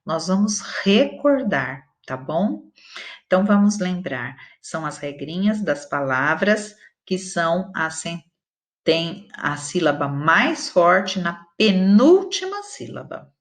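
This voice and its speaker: Brazilian woman teacher, slow and careful, somewhat low voice, over-stresses syllables for young pupils. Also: very animated. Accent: Brazilian Portuguese. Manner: slow, patient, spelling out syllables and stressing words. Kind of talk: recorded grammar lesson for schoolchildren.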